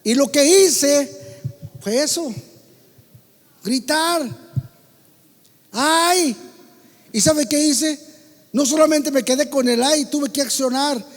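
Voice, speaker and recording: Mexican pastor preaching in an echoing hall. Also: male voice, very high voice, slow pace, pauses often. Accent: Mexican Spanish. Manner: exhorting the congregation, swinging between loud calls and soft asides. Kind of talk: sermon. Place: church hall.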